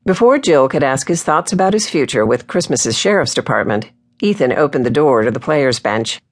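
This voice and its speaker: A woman reading a romance novel aloud in a smooth, even storytelling way, recorded close on a studio microphone. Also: rumbling low, normal speed. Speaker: audiobook narrator. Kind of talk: scripted audiobook narration.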